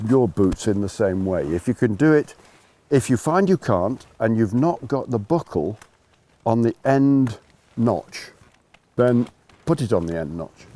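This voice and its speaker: A man's voice: fairly low pitch, warm tone. A man working as a ski instructor, explaining things informally to learners in an emphatic way, rephrasing and repeating his points.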